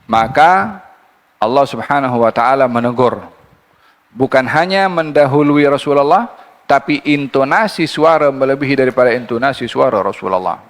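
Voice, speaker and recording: Male religious teacher, gravelly, lecturing under long reverb. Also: medium pitch. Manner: recites Arabic verses slowly, then explains in a lively teaching voice. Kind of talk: Quran commentary lecture.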